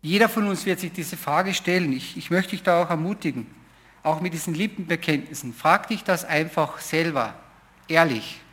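A man's voice: fairly high pitch, moderate pace, a bit bright. A middle-aged man preaching a sermon, telling his own story informally, with hesitations and repeated phrases. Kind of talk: personal testimony sermon.

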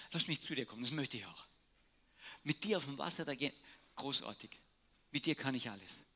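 Bright-voiced man preaching. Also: medium pitch. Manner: storytelling, shifting between hushed and raised emphasis. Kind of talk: sermon.

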